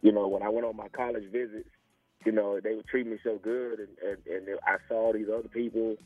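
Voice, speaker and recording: Heard on a tinny phone line with faint music behind him, this Southern-accented interview guest, an ex-pro football player in his forties from small-town Alabama, talks conversationally and keeps saying "you know." His voice is on the low side, brisk, and shows little pitch movement, with no room sound.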